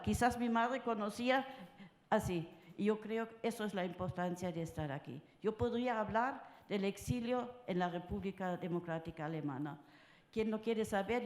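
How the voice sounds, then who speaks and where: Older lady born in france talking slow at a panel, lots of eh's, roomy hall sound. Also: medium pitch, darkish tone. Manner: halting, with many filler sounds. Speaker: conference panelist. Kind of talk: personal talk at a round table. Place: conference hall.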